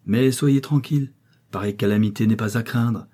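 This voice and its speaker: A man's voice: lowish voice, moderate pace, dark tone, natural voice. A man reading a storybook, voicing an eccentric old male scientist with a taste for rhetoric. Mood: rhetorical.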